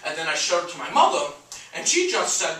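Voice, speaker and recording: This heavily acted stage monologue has a man playing a cantankerous, brash comedian-painter in middle age, recalling the past with nostalgia. His fairly quick, bright, forceful voice sits on the high side with huge pitch swings, stammering and lurching between mutters and bellows, captured from a distance in an echoey room.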